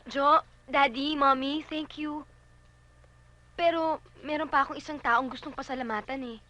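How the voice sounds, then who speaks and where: An actress playing a young blind woman waiting for eye surgery, speaking in a gentle, emotional way. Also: high voice, fairly even intonation, moderate pace. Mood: overjoyed. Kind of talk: film acting.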